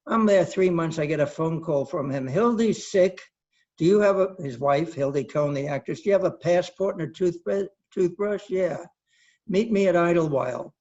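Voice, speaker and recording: Older man in his 80s, raised gravelly voice, one-man show anecdotes, dull lo-fi stream. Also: a little high, a little mellow. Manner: anecdotal, chatty, acts out quoted people. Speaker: solo performer. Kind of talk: theatrical storytelling monologue.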